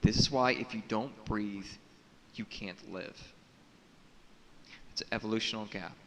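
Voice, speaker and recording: A man with a somewhat low voice that has a forceful, bright edge delivers a halting, solemn monologue as a solo video blogger. Speaking unscripted to camera on spiritual matters, he talks cryptically and repeats words for emphasis. The room is reverberant and hiss is audible.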